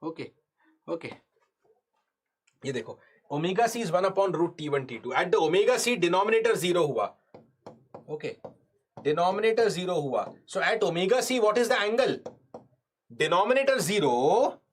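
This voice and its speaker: This engineering exam lecturer, a North Indian man, has a high, breathy-edged voice with big pitch swings, talking a little fast and pausing often. He explains concepts step by step during a live online class. Key phrases get repeated, questions go out to students, and Hindi words keep turning up in his English.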